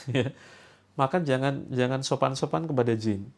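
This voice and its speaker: Man, mid-pitched voice. Healing-session coach: playful and instructive, with sharp bursts of command. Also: normal speed. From Java, Indonesia. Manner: instructive and joking, with sudden loud commands. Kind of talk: leading a live group healing session.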